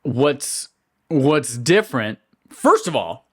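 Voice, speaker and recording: A man talks in a casual, conversational podcast style, at a middling pitch. He sounds like a co-host swapping stories with friends and drops swear words freely. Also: very animated, slow pace, husky. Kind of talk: casual chat.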